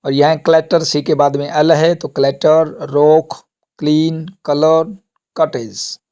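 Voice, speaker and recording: Slow-drilling male teacher. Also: a little high, steady tone, warm tone, clean tone. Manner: slow, repetitive drilling, asks and answers own questions. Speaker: English teacher. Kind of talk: classroom lesson on pronunciation.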